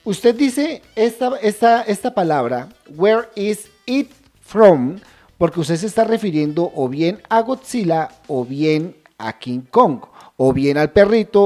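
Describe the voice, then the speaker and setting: A woman teaching English over a shared screen, checking in often with her viewers and saying English phrases slowly and deliberately. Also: low-pitched, sing-song, dark tone, soft background music. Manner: addresses viewers as a group, checks understanding often. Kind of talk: screen-share language lesson.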